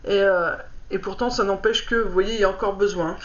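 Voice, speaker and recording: Doing a casual oracle card reading for the camera, this card reader stumbles and hesitates, filling gaps with lots of fillers. Her mid-range voice holds a steady tone at a slightly fast pace, and the recording is dull and lo-fi.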